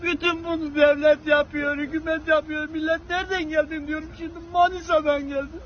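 Man, sixties, emotional street testimony, very high pitch, faint outdoor noise behind a lo-fi recording. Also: flat delivery, a little fast. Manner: emotional, earnest. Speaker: earthquake survivor. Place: outdoors in a street by a smoky fire, among bystanders. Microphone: phone camera a short distance away.

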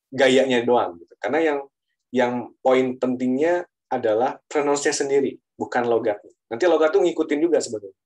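Male lecturer, mid-pitched, filler-heavy teaching talk. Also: darkish tone, rough recording. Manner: explains with repeated fillers, switches often into English. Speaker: university lecturer. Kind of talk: online lecture.

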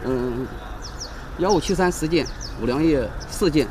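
A man giving a halting official statement as an inspection officer. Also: a little high, noisy background.

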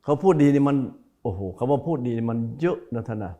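A man's voice: mid-range voice, lively intonation, quick pace, mellow. Male Buddhist monk, televised sermon, mid-range voice, emphatic, repetitive phrasing, direct address. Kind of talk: televised dharma talk. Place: broadcast studio.

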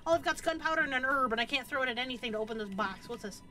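A woman's voice: high-pitched, animated, rapid-fire, bright, forceful tone. A woman streaming a horror game, talking to the screen in a jittery way and yelping and repeating words in panic. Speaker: gaming streamer. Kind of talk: horror gameplay commentary.

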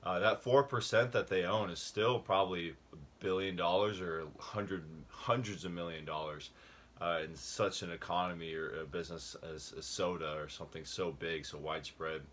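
A man's voice: sits low, fairly even intonation, moderate pace, fairly bright tone. A young man talking casually about a book he read, rambling with fillers and restarts, a little out of breath. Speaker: book review vlogger. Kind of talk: casual video talk.

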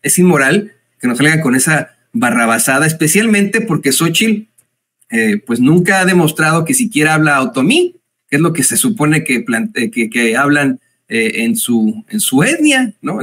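A Mexican man with a Mexican accent giving indignant, mocking political commentary, pausing often with hesitant fillers. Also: on the high side, a bit bright.

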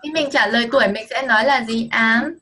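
A woman teaching English online to a child, patient and encouraging, slowly modelling phrases over a video call. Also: on the high side, bright, forceful tone. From Vietnam.

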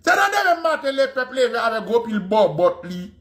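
A man's voice: very high-pitched, big pitch swings, a little fast, fairly bright tone. A man giving an impassioned history lecture, fervent and repeating phrases for emphasis.

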